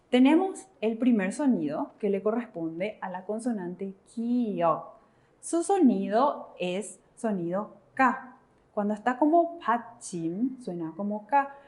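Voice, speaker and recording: A woman with a Paraguayan Spanish accent, co-teaching a Korean pronunciation lesson in Spanish. She explains sounds step by step and affirms her partner with encouraging murmurs. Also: fairly high pitch. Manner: encouraging, answers with "ujú". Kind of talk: classroom explanation.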